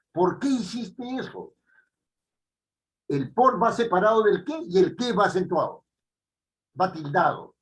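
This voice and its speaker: A man's voice: on the high side, low-quality recording. A man with a Peruvian Spanish accent teaching a writing class, emphatic and full of tag questions. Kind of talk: online writing lesson.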